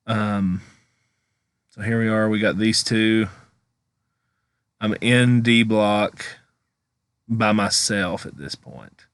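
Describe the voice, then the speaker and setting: A man with a fairly low voice talks casually over his own vlog footage. He rambles and halts, thinking aloud as he goes. The recording is dry, with very little room sound. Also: fairly bright tone, no echo. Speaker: paranormal investigation vlogger.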